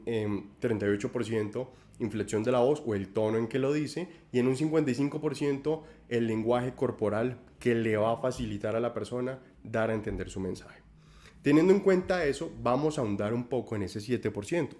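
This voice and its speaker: A man's voice: mid-range voice, a little mellow. Man giving workplace training advice. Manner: instructive, addresses listeners directly with advice; many self-corrections and repeated words. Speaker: corporate trainer. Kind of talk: training talk.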